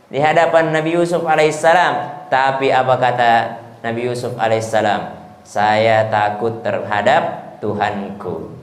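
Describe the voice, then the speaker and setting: Lively preacher in an echoey hall. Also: male voice, medium pitch. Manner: lively, chants Arabic verses, asks the congregation questions. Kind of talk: mosque sermon. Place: mosque hall.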